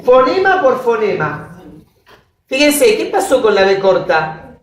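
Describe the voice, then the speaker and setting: Slow-talking woman lecturing a class, keeps asking students questions, recorded from far back in an echoey room. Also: a little high, very animated. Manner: keeps checking understanding with quick questions to students. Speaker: linguistics lecturer. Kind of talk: university lecture. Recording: roomy classroom audio from a distance.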